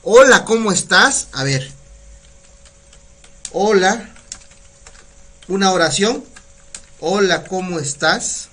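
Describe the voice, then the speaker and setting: A man with a Mexican Spanish accent gives a patient radio language lesson. His voice is high and bright, and he speaks at an unhurried pace. He says each word slowly and more than once. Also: expressive. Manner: patient, repeats words slowly, asks "¿sale?". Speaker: Nahuatl language teacher. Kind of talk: live-streamed community radio lesson. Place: community radio studio.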